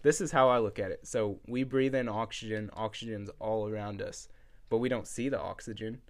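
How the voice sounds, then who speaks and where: A man's voice: on the low side, fairly quick, no room sound. Laughing young man telling stories. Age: young adult. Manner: animated storytelling, laughing, swearing. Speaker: podcast host. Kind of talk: casual chat.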